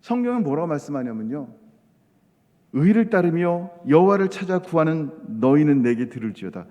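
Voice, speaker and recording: Animated middle-aged preacher in a reverberant church. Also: male voice, a little high, normal speed, dull audio. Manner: animated, asks the congregation questions. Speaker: missionary preacher. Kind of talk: sermon. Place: church sanctuary. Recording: long hall reverb.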